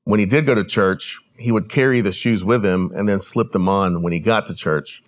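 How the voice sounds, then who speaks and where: A man born in El Salvador, a podcast guest telling his family's story in an earnest, measured way. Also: lowish voice. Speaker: guest, regional director. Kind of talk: storytelling interview.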